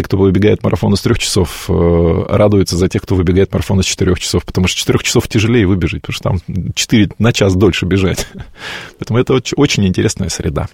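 A man in his late forties answers an interview question slowly and reflectively, often pausing to find the right word. His voice sits low and has a gravelly edge with some huskiness in it. The sound is dry and close. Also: darkish tone, dry recording. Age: 40s. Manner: thoughtful, searching for words, breaks off and restarts. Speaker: guest.

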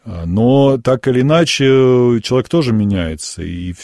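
A priest on a radio programme who talks about church writings in a measured, thoughtful way, with many pauses. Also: male voice, medium pitch, lively intonation, darkish tone, no room sound, studio quality.

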